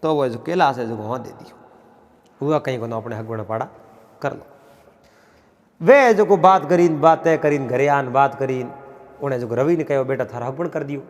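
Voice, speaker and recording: A man with a Marwari accent telling a traditional folk tale in a rhythmic, repetitive way, pausing often. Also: mid-range voice, in a large hall. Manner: repetitive, rhythmic telling with frequent pauses and fillers. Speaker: folk storyteller.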